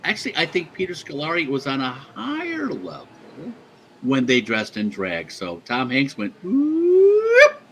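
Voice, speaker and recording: A male radio host with a mid-range, sharp voice and big pitch swings chats casually at a moderate pace and introduces songs. He rambles with lots of fillers and swearing, and he has the hiccups. The recording is low quality with slight background noise.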